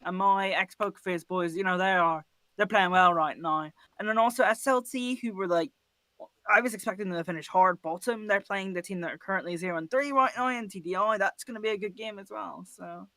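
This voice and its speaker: A man co-hosting a casual esports podcast, animated and swearing freely as he argues his points. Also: high-pitched, a little fast, dry recording. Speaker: podcast co-host.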